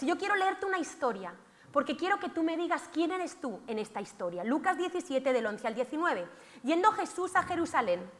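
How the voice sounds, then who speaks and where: A woman preacher with a high, bright voice delivers a dramatic sermon. She acts out cries aloud, and her voice carries with a long reverb in a church hall. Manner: theatrical, shouts out acted cries of the lepers.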